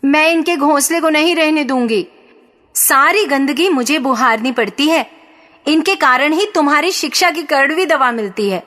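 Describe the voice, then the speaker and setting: A woman's voice: animated, normal speed, sharp tone, big-room sound. A woman voicing a complaining farmer's wife and mother who is fed up with her children. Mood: scornful. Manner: shrill, complaining.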